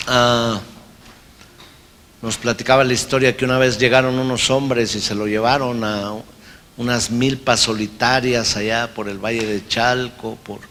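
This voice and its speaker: A male pastor preaching a sermon, slow and emphatic, rising into loud shouted cries. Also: medium pitch. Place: large church hall. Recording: long hall reverb, faint music.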